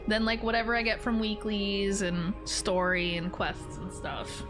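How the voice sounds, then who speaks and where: A woman's voice: mid-range voice, steady tone, a little slow. A woman streamer giving casual, rambling reaction commentary on a video game, jokey and informal. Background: game music.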